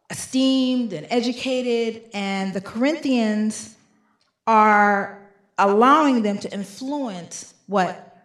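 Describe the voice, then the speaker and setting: A woman's voice: mid-range voice, echoey room. A woman giving a sermon, reading scripture aloud with emphatic, rising delivery on repeated lines. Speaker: preacher.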